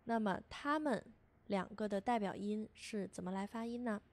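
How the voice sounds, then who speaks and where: A woman teaching a beginner language lesson as a voice-over, patiently repeating each sound slowly for learners. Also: medium pitch, darkish tone.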